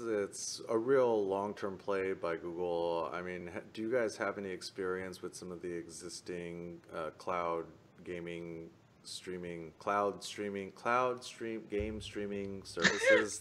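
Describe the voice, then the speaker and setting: A man's voice: deep voice, unhurried, fairly bright tone, a little hiss or hum. A man co-hosting an esports talk show in casual panel chat, making jokes and trailing off mid-list.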